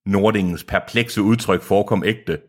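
A man's voice: on the low side, fairly even intonation. A man co-hosting a podcast, reading a novel aloud and breaking off for joking asides. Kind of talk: reading aloud with casual chat.

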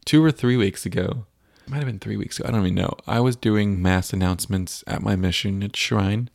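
A man's voice: fairly low pitch, a little fast, gravelly, darkish tone. A man co-hosting a faith podcast, chatting casually and telling rambling stories with many fillers. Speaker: podcast co-host and youth minister. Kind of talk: casual chat.

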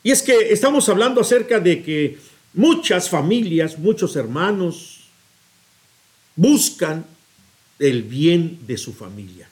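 Animated, high-voiced male preacher. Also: takes it slowly. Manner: expressive, storytelling, appeals directly to listeners. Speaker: priest.

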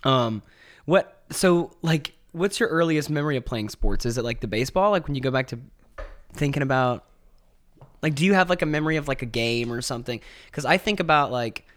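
A man's voice: medium pitch, lively intonation, brisk, a bit bright. Chatty rambling male podcast host. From Georgia, US. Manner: chatty, rambling with many fillers and restarts. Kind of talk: casual interview chat.

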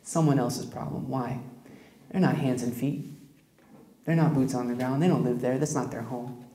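With a mellow, medium-pitched voice and fairly even intonation, a pastor preaches at a moderate pace. He addresses the congregation directly, telling stories in a conversational manner, and the sound has a roomy echo.

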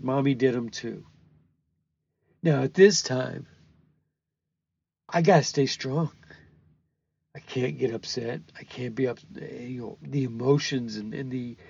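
Gravelly older man telling his story. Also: mid-range voice, a little mellow, dull audio. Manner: halting, repeats words, earnest. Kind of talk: personal storytelling.

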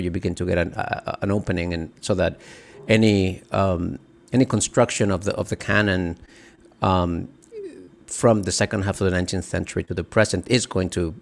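The guest is a middle-aged author from the Dominican Republic whose low voice sounds creaky. He answers the interviewer's questions thoughtfully but haltingly, restarting many times.

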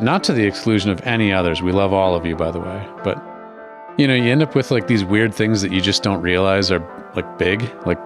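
A man in his forties from Milwaukee with an American accent, running a tabletop game as host and game master in a rambling, sweary, casual way. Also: sits low. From Milwaukee, USA.

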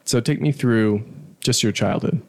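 A man with a mid-range, gravelly, somewhat mellow voice narrates a church testimony video and interviews a member of the church community. He sounds earnest and measured, and there's no room sound at all.

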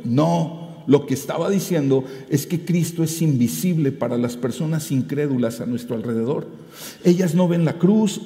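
A man preaching a sermon as pastor, animated and rising to emphatic peaks. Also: a little high. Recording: roomy hall with long reverb.

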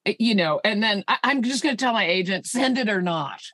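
A woman's voice: medium pitch, lively intonation, fairly quick, noisy background. A woman co-hosting a comedy podcast, playful and self-mocking, laughing often in casual chat. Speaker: podcast co-host, voice actor.

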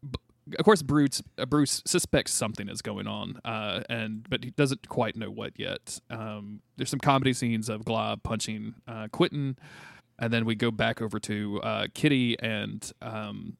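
A tired man co-hosting a casual comic book podcast, talking in a halting, rambling, sweary way. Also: lowish voice, steady tone, creaky, dry recording, clean studio sound. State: tired from very little sleep. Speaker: podcast co-host.

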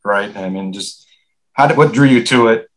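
Host guy asking questions over a video call, lowish voice. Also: normal speed, fairly bright tone, low-quality recording. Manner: asks questions with brief listening replies. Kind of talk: interviewing.

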